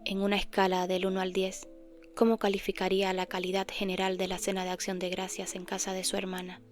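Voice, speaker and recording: A woman voicing a mysterious phone caller who asks calm, polite survey questions in a hushed, half-whispered voice. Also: mid-range voice, fairly quick, faint music behind, close to an everyday voice. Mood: eerily polite.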